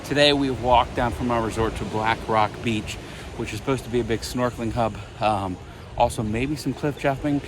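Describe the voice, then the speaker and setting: A man's voice: mid-range voice, moderate pace, noisy background. A man presenting like an upbeat, enthusiastic travel show host.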